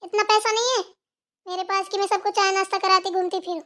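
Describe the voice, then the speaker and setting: Woman doing a snooty rich young bahu for a cartoon, sharp and mocking, really high voice. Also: flat delivery, quick pace. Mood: haughty. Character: rich, arrogant young daughter-in-law. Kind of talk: cartoon voice acting.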